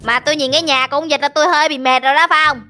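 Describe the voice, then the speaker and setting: A playful woman, teasing her co-player during role-play game commentary. Her voice is very high and bright, over faint game music. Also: fairly even intonation, rapid-fire. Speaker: gaming YouTuber co-host.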